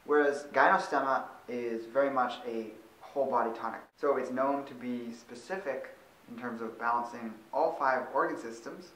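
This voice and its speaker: A man's voice: mid-range voice, normal speed, a bit bright. Man explaining herbs in a roomy space. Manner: conversational, with fillers and self-corrections. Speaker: host of a longevity channel. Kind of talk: casual informative monologue. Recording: roomy, recorded from a distance.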